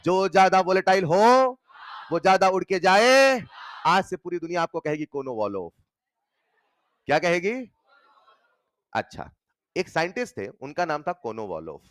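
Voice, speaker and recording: A male chemistry teacher with a slightly raised pitch lectures with animated energy. He keeps throwing rapid questions at his students. The recording is close and dry, with no room sound. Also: no room sound. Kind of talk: classroom lecture.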